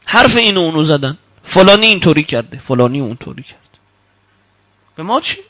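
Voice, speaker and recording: A man preaching a sermon, quoting Arabic sayings slowly and then explaining them, with emphatic rebukes that climb loud and high. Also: sing-song.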